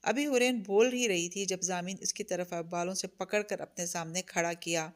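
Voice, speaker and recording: Woman narrating a dramatic novel, lowish voice. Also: fairly even intonation. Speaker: audiobook narrator.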